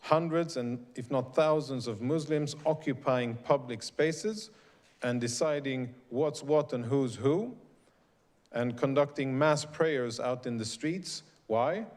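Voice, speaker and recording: A middle-aged man from Sweden, an invited speaker delivering a prepared speech to a live audience in a deliberate, emphatic way. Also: mid-range voice, darkish tone.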